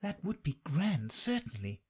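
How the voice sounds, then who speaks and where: A man's voice: a little high, big pitch swings, unhurried, darkish tone, breathy edge, pitched above the performer's own voice, heavily acted. A man voicing a polite, curious young girl in a storybook reading. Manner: careful, earnest questioning.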